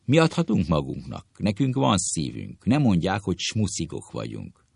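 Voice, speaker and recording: A man voicing a petty, quarrelsome gentleman in a comic sketch, shouting insults in sudden shrill leaps. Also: huge pitch swings, creaky, husky, dry recording, clean studio sound, exaggerated voice. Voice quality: shrill jumps into high shouts. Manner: insulting, quick to kick. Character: squabbling man bent on a duel, shrill.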